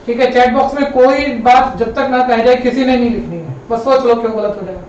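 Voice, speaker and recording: A male maths teacher explains each step slowly and repeats himself patiently, to his students like a familiar elder. His voice comes some distance across a very echoey classroom. The sound is dull and lo-fi, with a faint hiss behind it. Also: very high voice, a little mellow. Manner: patient, repetitive, addresses students as kids and brother. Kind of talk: live online classroom lesson.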